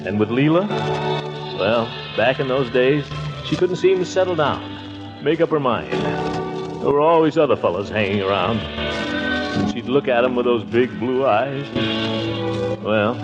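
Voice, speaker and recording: An actor playing a fussy, sentimental middle-aged uncle in a theatrical 1940s radio comedy style, hemming and exclaiming. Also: male voice, mid-range voice, lively intonation, measured pace, pauses often, close to an everyday voice. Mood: wistful, reminiscing. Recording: dull 1940s radio recording with music.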